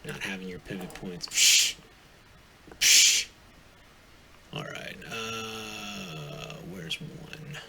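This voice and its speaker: A man's voice: low voice, drawn-out words, long pauses, pushed and bright. A man hosting a live trading stream, casually thinking aloud through charts with lots of fillers and restarts. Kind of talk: live forex chart walkthrough. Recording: noisy live stream audio.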